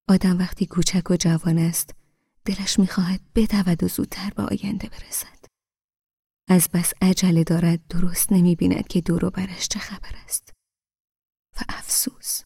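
A woman narrating a novel in the first person, in a soft, half-whispered, wistful voice. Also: lowish voice, gravelly, slightly rough, no room sound, clean studio sound. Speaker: audiobook narrator.

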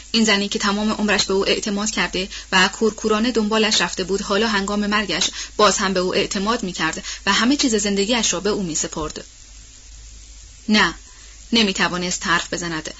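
Bright-voiced woman narrating a novel. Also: medium pitch, dull audio. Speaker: audiobook narrator.

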